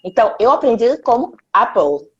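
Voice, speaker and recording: Lively, higher-voiced woman host. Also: fairly quick, highs cut off. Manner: chatty, laughing asides. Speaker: host, English teacher. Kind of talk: livestream interview talk.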